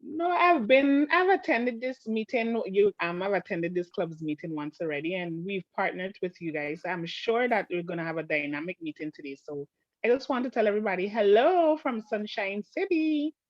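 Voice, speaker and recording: A woman with a mid-pitched voice gives a short, upbeat greeting over a video call. The sound is dry and muffled. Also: expressive, moderate pace, dry recording. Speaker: visiting club president-elect. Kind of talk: brief greeting. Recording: dull, muffled call audio.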